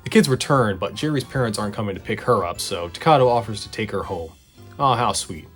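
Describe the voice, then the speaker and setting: Male retrospective host, lowish and quick, sarcastic and casual, music underneath. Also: expressive. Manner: sarcastic, conversational, swearing. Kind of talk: casual scripted recap narration. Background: background music.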